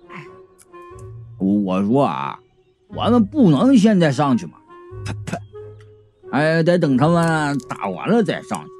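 A man's voice: huge pitch swings, darkish tone, faint music behind. A man voicing a laid-back, rule-bound male ghost constable in a comic audiobook, drawling his words. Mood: lazy. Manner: drawling, slow and low.

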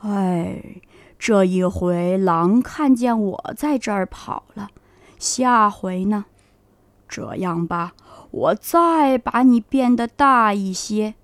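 A gentle old magician grandpa from a children's storybook, chuckling and unhurried, as a woman lowers her voice to play him. He talks slowly and soothingly in a deep, dry close-up sound. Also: no echo. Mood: reassuring. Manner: slow, low, soothing. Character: kindly old male magician, calm and chuckling.

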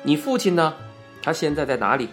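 A man's voice: on the high side, expressive, fairly quick, over music, lightly acted. A man doing a bullying fat police officer. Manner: loud, pressing interrogation. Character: gruff heavyset male police officer interrogating.

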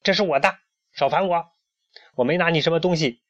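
A jumpy, stubborn little boy chick, shrieking high and fast when cornered, as a male storyteller puts him on. The voice sits well above a man's usual talk and comes through a dull, dry, lo-fi recording. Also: huge pitch swings, no room sound, exaggerated voice. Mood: frightened. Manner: shrill, panicky shouting.

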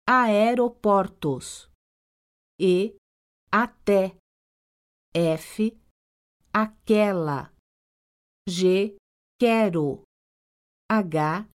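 A woman narrating a language course with slow, careful and precise enunciation. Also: medium pitch. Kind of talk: scripted textbook audio narration.

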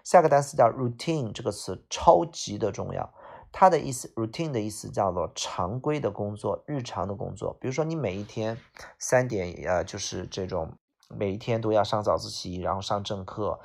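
A man teaches a vocabulary lesson. His voice is very low with a gravelly fry, and it sounds husky. He repeats each word and explains it patiently, with frequent "啊" fillers. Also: normal speed, a little mellow. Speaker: English teacher.

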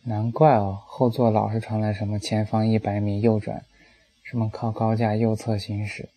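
A man's voice: fairly low pitch, flat delivery, moderate pace, mellow, rough recording. A man voicing a sheepish, flustered middle-aged taxi driver while reading a story aloud.

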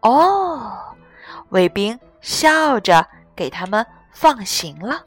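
Slow, expressive woman storyteller. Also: medium pitch, soft background music. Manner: gentle and expressive. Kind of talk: children's story narration.

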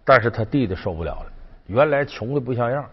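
A man tells an old legend in a casual, chatty way, his voice swinging up and down as he acts out the characters. His tone is a little husky. The sound is dull and lo-fi, with a long reverb trailing behind. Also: medium pitch, fast. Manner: chatty, lively, acts out quoted lines. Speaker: storyteller. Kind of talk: casual folk-tale storytelling.

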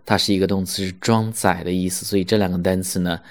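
A man teaching English pronunciation in an online lesson, slowly stretching out English words to demonstrate them. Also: deep voice, steady tone. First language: Mandarin Chinese.

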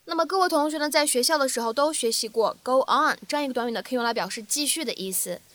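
A young woman teaching a spoken English lesson as the teacher, repeating phrases slowly and carefully to drill pronunciation. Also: sits high, fairly bright tone, no room sound.

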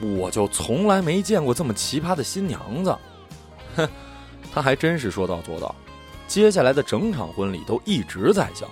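A man narrating a humorous story in a wry, colloquial, expressive way. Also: medium pitch, normal speed, faint music behind.

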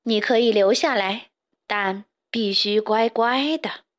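A woman's voice: fairly high pitch, lively intonation, slow, fairly bright tone, dull audio. A woman voicing a vain, bossy hen queen in a children's storybook, with a haughty, commanding manner.

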